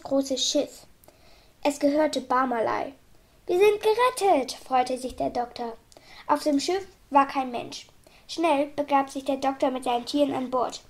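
High-pitched woman reading a kids' story aloud, lively and expressive. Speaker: audiobook reader.

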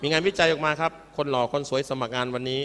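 A man's voice: mid-range voice, fairly even intonation, racing, fairly bright tone, a little hiss or hum. A man giving a humorous, playful sermon to students as a monk preacher, joking and calling his listeners children. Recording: reverberant hall with faint music.

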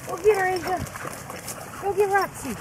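A woman's voice: very high-pitched, moderate pace, very noisy. A woman on an old camcorder tape, calling out and coaxing her dogs outdoors in a casual home video. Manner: calls out and coaxes dogs. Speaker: pet owner filming.

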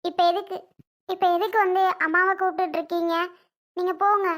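A woman playing a young daughter who defends her mother with sharp, pleading insistence in a family drama skit. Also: very high voice, fairly even intonation, fairly quick. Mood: angry, pleading.

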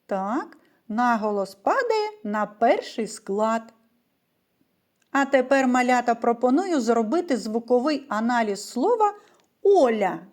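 Speaking slowly in a slightly high, sing-song, gently mellow voice, a woman teaches a reading lesson to small children. She's a primary school teacher who patiently asks questions and answers them, keeping everything slow and clear.

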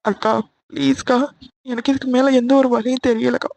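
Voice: sits high, level tone, brisk, creaky, darkish tone, slight background noise. A voice actor playing a bold, persuasive younger aunt who pleads and coaxes in a cartoon. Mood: pleading. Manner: coaxing and pleading. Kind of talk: Tamil cartoon voice acting.

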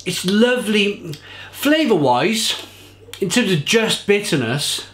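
This is a man in his thirties doing a casual beer tasting to camera, full of enthusiasm and lots of hand gestures as he describes flavours. His high-pitched voice is very animated yet slow, with a fairly bright tone. The setting is an echoey home kitchen bar indoors, with bottles on the shelves.

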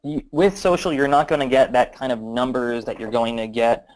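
A man's voice: mid-range voice, fairly even intonation, normal speed, low-quality recording. Hesitant man answering questions. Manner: hesitant, many fillers and restarts. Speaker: guest marketing expert. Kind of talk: webinar Q&A answers.

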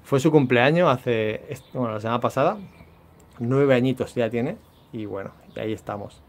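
A man's voice: medium pitch, normal speed. Chatty Spanish man talking to viewers. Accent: Spanish (Spain). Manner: chatty, loose, with fillers like "pues nada". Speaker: vlog host, dog owner. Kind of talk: casual vlog, talking to viewers. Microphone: phone.

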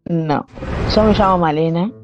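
A woman's voice: fairly low pitch, normal speed, dull audio. A woman from Argentina with an Argentine accent, chatting casually and teasingly with a teammate over game voice chat. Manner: giggly, teasing. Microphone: online voice chat. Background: background music.

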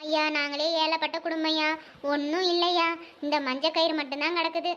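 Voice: high voice, little pitch movement, a little fast, sharp tone. A voice actor playing a poor, sly village wife who wails and whimpers dramatically. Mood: pleading. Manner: theatrical wailing and whimpering. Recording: dull lo-fi sound.

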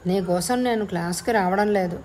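A woman's voice: medium pitch, normal speed, a little mellow, a little hiss or hum, close to an everyday voice. A woman voicing a proud, clever schoolgirl who talks in a teasing, scornful way in a storybook reading.

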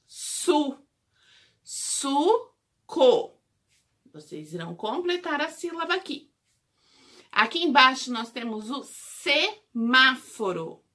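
A Brazilian woman teacher giving a remote lesson to small children, drawing out syllables slowly and clearly. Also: high voice, very animated, bright, forceful tone. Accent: Brazilian Portuguese. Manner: slow, drawn-out syllable drills for small children.

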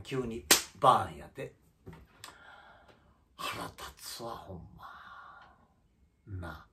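A comedian with a Kansai Japanese accent rants alone in a vlog on his own channel, sounding heated and indignant and using many fillers. His voice is mid-range and creaky.

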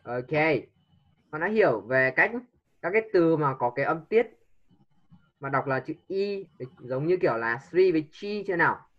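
A man's voice: a little high, lively intonation, normal speed. Patient male tutor prompting a young pupil, muffled lo-fi sound. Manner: patient, coaxing with repeated prompts. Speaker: English teacher. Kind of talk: online English lesson with a child.

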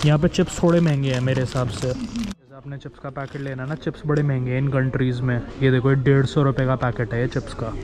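A man's voice: mid-range voice, steady tone, quick pace, a crowd in the background. A young man from India chatting casually as a travel vlogger, walking outdoors and then through a supermarket, filming himself on a handheld action camera and explaining prices to viewers. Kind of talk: casual travel vlog chat. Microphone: action camera held at arm's length.

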